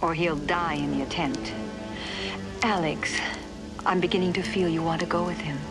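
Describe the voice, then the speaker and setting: A woman's voice: low-pitched, normal speed, music in the background, close to an everyday voice. An actress playing a perceptive, concerned female space officer in a storybook dramatization.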